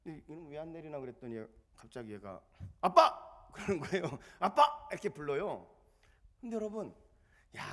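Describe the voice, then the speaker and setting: A male pastor preaching a sermon in a church, animated and emphatic as he tells stories. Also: medium pitch.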